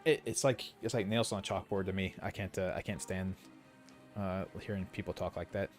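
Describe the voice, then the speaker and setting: A man's voice: low-pitched, steady tone, a little fast, soft background music. A man streaming a video game, giving casual commentary with rambling, opinionated asides. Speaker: gaming streamer.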